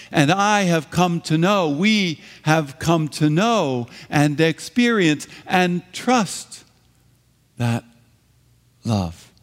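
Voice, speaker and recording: Man, sermon, very slow delivery, reflective pauses, church reverb. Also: medium pitch. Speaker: preacher. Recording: long reverb of a church hall.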